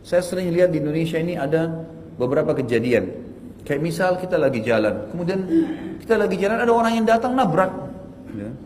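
A man teaching an Islamic study class in a lively, emphatic manner, his voice climbing high when he scolds. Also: fast talker, in a large hall, a little hiss or hum. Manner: animated, emphatic, rising pitch on rebukes. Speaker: religious teacher.

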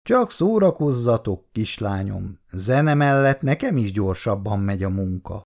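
A man reading aloud voices a gentle, hardworking older mother in a storybook, raising his voice a little and speaking mildly. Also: fairly low pitch, sing-song, creaky.

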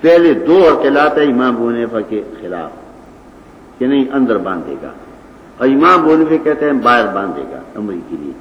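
A man's voice: mid-range voice, very animated. An older man with a Pashtun accent delivers a religious lecture, arguing points step by step and reciting Arabic passages. His voice rings through a large reverberant hall, captured on a dull, lo-fi old recording with faint noise behind. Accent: Pashtun-accented Urdu. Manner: didactic, argumentative, quotes Arabic texts. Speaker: Quran and hadith teacher.

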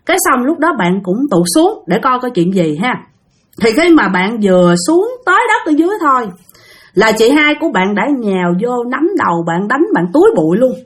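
Southern Vietnamese woman, high and lively, chatty story narrator. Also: fairly quick. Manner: chatty, addresses listeners directly. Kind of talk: spooky-story narration to listeners.

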